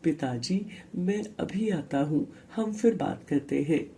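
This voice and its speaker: A woman's voice: sits low, slow pace, mellow, slight background noise. A woman playing an earnest educated young villager.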